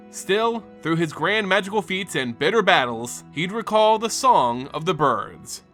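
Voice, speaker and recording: A man's voice: high voice, fairly bright tone. A man reading scripted fantasy lore as a host and narrator, with a theatrical, earnest storyteller delivery. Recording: music behind the voice. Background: background music.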